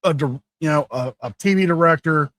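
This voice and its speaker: A man co-hosting a podcast in casual chat, excitable, swearing and stumbling over names. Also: on the high side, brisk, no echo. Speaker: podcast co-host.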